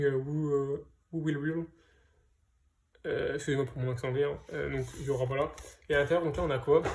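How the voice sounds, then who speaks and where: A comic book collector vlogger shows off his latest purchases in a casual unboxing chat, his mid-range voice set against a noisy background. He sounds hesitant, filling his talk with fillers and restarts.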